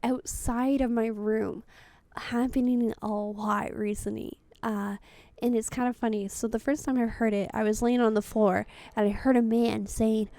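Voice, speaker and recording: High-voiced chatty young woman streamer. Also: steady tone, moderate pace, warm tone, no room sound. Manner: chatty, blunt, swears freely. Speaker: VTuber streamer. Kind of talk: casual gameplay commentary.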